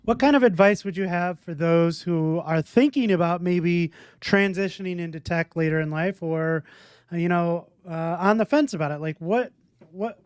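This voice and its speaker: A man hosting a podcast from home, chatting in a relaxed way and laughing easily. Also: sits high, normal speed, clean tone, no echo. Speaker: podcast host. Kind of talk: casual podcast conversation.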